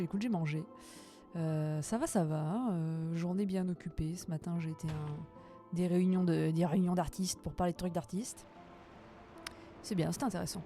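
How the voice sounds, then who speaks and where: A woman chatting casually with her live-stream audience while gaming, playful and quick to laugh, her voice a little tired. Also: lowish voice, warm tone.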